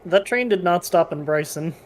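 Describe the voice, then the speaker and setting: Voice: medium pitch, lively intonation, moderate pace, a little hiss or hum. A fellow player in a train game, chatting casually and giving dry, helpful advice to the others. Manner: helpful, dry, gently instructive. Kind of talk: casual gameplay chat.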